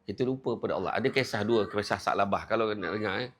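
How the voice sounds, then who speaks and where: A man with a Malaysian Malay accent giving a religious lecture as a preacher, telling stories with lively acted quotes and casual asides. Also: on the low side, fast, slight background noise.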